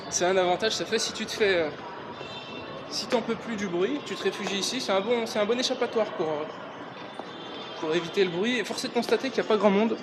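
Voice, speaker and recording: Chatty French vlogger, high voice, street noise. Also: male voice, a little fast, pauses often. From France. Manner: chatty, informal, addresses viewers as "les gars". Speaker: travel vlogger. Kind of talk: casual travel vlog to camera. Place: outdoors on busy city streets, later in a quiet metro station. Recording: loud street noise behind. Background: traffic and street noise.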